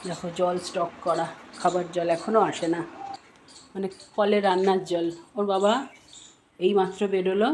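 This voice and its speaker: A woman's voice: on the low side, fairly even intonation, normal speed, long pauses, darkish tone, poor audio. A woman in her fifties, chatting homely and rambling as she cooks in her home kitchen, filmed on a phone camera. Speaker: cooking vlogger. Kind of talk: casual home vlog chat. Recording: home recording with frying noise.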